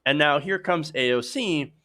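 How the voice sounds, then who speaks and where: This man's slightly hoarse voice is a little high, pushed and bright as he speaks at normal speed. He hosts a progressive political news show, offering emphatic, opinionated commentary directly to viewers.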